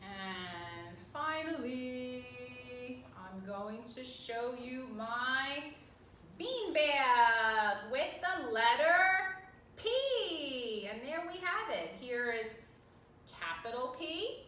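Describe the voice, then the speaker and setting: A woman's voice: sits high, very animated, extremely slow, pushed and bright. A woman preschool teacher giving a virtual lesson to small children, sing-song and encouraging, asking questions and sounding out words. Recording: roomy, distant mic, faint noise.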